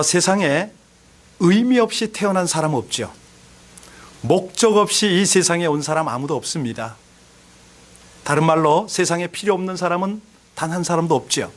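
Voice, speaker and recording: A male pastor giving a sermon, earnestly asking the congregation questions and telling a story with rising emphasis. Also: a little high.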